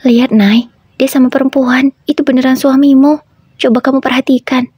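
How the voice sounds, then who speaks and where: A woman's voice: high-pitched, level tone, fairly quick, dark tone, breathy edge, no room sound, clean studio sound, voice pushed up. A woman voicing a blunt, protective young female friend who scolds and urges firmly, in a story reading. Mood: urgent, scolding. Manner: firm, scolding, urging.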